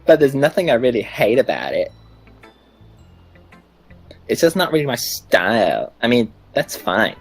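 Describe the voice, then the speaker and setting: Player reading a prickly schoolgirl; husky voice, jumpy intonation. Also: medium pitch, big pitch swings, a little slow, pauses often, soft background music. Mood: blunt. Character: prickly teen girl club member. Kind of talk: reading visual novel lines aloud.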